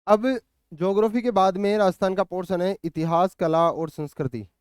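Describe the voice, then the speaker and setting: A male coaching teacher with a high-sitting, smooth, darkish voice walks students through an exam syllabus at normal speed with fairly even intonation. He explains patiently and checks in often, thinking aloud with hesitant fillers and restarts, in clean studio sound with no room noise.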